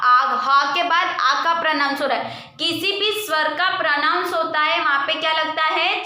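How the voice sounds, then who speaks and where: A woman teaches young children at an unhurried pace, stretching out each word and posing questions that she then answers herself. Her voice is high and bright. The recording has a noticeable room echo. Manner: slow, patient, drawn-out word repetition. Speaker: primary school Hindi teacher. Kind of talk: online lesson for young children.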